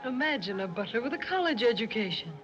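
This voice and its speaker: An actress playing a sarcastic, needling young socialite in a 1930s film. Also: female voice, fairly high pitch, very animated, fast talker, muffled recording. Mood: catty. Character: snide, spoiled young socialite sister. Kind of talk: 1930s screwball film acting. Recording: old 1930s film soundtrack, music behind.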